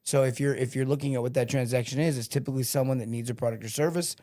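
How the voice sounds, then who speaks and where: Middle-aged guy on a podcast, sales coach, tells stories and does the voices, mid pitch. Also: rapid-fire. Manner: animated storyteller, acts out quotes. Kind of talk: casual podcast interview.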